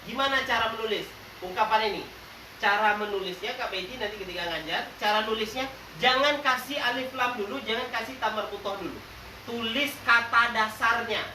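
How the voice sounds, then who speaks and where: In a distant, roomy classroom recording with faint noise, a high-pitched man who is a religious teacher leads an energetic grammar lesson. He jokes, tests the class playfully in call-and-response fashion, and draws out example words slowly.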